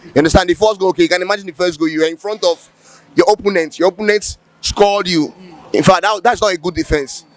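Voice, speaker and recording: Excited high-voiced Nigerian fan. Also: male voice, quick pace, no room sound. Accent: Nigerian English. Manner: excited, repeats himself. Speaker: football fan.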